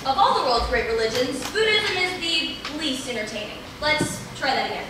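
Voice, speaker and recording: A woman plays a brisk female playwriting lecturer who comments on the scene with dry, theatrical asides. Her voice sits high and swoops lively through each remark. It rings around a large, echoey hall, picked up from far back with a noisy hiss. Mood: wry. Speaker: stage actor. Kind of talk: live stage comedy sketch. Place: large indoor theater stage. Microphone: distant camera mic.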